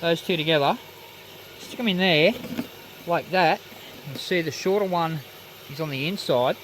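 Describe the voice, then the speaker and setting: A man with a slightly high voice, speaking at normal speed, narrates his hands-on metalwork casually and matter-of-factly, one step after another. He's a DIY metalworking presenter recording in his home metal workshop. The clip carries clear machinery noise, with a saw running plus clicks and machine sounds.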